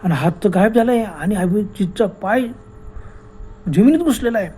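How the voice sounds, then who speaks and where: A male storyteller narrating a horror tale with dramatic flair. His voice is dark and mellow. He punctuates the telling with sudden exclamations. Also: high voice, animated, moderate pace.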